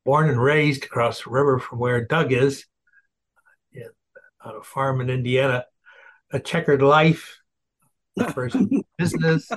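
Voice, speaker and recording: A man's voice: medium pitch, poor audio. A man in his eighties introducing himself on a group call, rambling and hesitant. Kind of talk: casual self-introduction.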